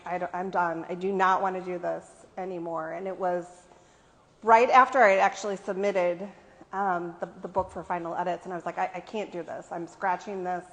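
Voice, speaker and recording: A woman's voice: medium pitch, fairly bright tone, in a large hall. A woman author giving an earnest, conversational speech at her book launch party, with frequent ums, in front of an audience indoors. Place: indoor event venue with an audience.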